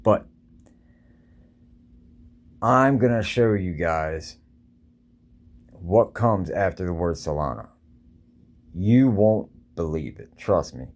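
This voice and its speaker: Very deep-voiced male show host. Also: expressive, slow pace, long pauses, a little mellow. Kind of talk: casual video commentary.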